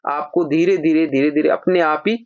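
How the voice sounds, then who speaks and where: A teacher gives an exam-prep grammar lesson, patiently explaining and slowly repeating example sentences. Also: mid-range voice, steady tone, no echo. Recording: slightly dull, dry lo-fi recording.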